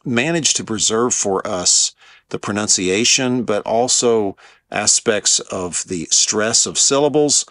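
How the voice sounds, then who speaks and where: A man teaching about the biblical languages in a measured, explanatory lecture, with the odd filler as he works through a point. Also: on the low side, fairly bright tone, no echo, studio quality.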